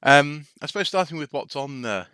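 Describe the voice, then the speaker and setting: A man's voice: a little high, lively intonation, fairly quick, bright, forceful tone, smooth, no room sound, studio quality. A man from North Wales chatting casually on a live stream, hesitant with lots of restarts and wry asides. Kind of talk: casual rambling show-and-tell.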